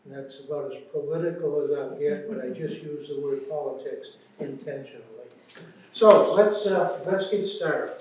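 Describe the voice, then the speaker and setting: A man's voice: a little high, normal speed. A man introducing a discussion panel and speaking on it, earnest and emphatic. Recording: very echoey room from far off.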